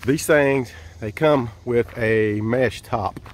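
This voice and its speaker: Speaking slowly in a mid-range voice, a man gives a relaxed, folksy tour of his campsite outdoors and the inside of his big tent. He films on a handheld camera as he walks, using its mic. He comes across as easygoing, though he hesitates and leans on fillers.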